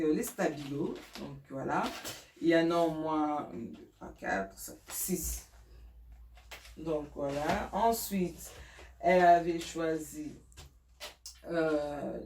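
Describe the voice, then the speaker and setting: A middle-aged woman, a mother, shows off school supplies in a chatty home vlog, hesitating often, using lots of fillers and laughing at her own slips. Her voice sits low and a little mellow, and she sounds somewhat distant from the mic in a roomy space with a faint hiss.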